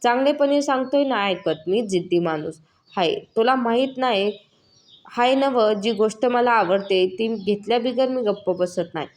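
A woman's voice: a little high, measured pace, a little mellow, close to an everyday voice. A woman voicing a scheming, lecherous male village moneylender in a spoken story, menacing and coaxing. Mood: threatening. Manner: menacing, coaxing then threatening.

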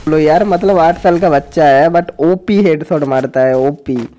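A man, a gaming YouTuber, giving excited, crude-slang commentary as he cheers on his teammates during a match. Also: on the high side, a little slow. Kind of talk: excited live gameplay commentary.

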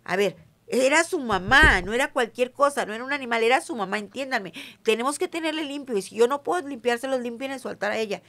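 A woman's voice: fairly high pitch, expressive, quick pace, a bit bright. Chatty Mexican woman in an interview. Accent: Mexican Spanish. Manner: chatty, emphatic, often asks "¿sí me entiendes?". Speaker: interview guest, self-described witch. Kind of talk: casual conversational interview.

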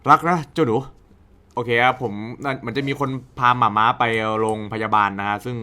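A man's voice: mid-range voice, steady tone, a little fast, sharp tone, clear, resonant tone. A young man casually commenting on a horror game, swearing a lot and shrieking and laughing at the scares. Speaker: gaming YouTuber. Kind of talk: horror let's play commentary.

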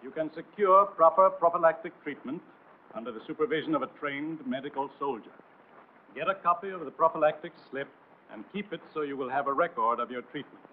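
A fairly quick, slightly high-voiced man narrates a 1940s military training film. The scripted delivery is formal, authoritative, didactic and emphatic, heard through a noisy, tinny period soundtrack.

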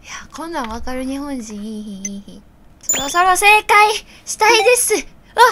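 A woman game streamer with a Kansai accent, thinking aloud through a quiz in casual commentary and bursting into loud reactions. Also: high-pitched, lively intonation, normal speed.

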